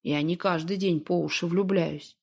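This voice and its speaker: A woman reading an audiobook, voicing a calm, evasive man who talks in an unhurried, teasing way. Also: on the low side, creaky, breathy edge, voice pushed down. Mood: calm, coaxing. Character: calm, evasive middle-aged man, smooth talker.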